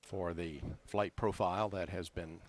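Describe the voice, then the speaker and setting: A man giving measured, informative launch commentary. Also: low voice, fairly even intonation.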